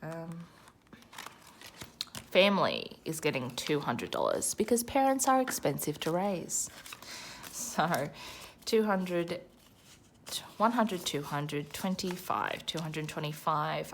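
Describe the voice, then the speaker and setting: An Australian woman in her thirties talks through her budget in a casual, self-deprecating way. Her voice sits low but swings widely in pitch. She counts her money aloud as she goes. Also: slight background noise. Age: 30s. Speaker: budgeting vlogger. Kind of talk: casual chatty vlog narration.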